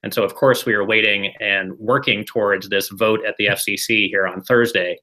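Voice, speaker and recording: Bright-voiced man speaking on a panel. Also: lowish voice, steady tone, moderate pace, low-quality recording. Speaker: panelist, policy expert. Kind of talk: panel discussion.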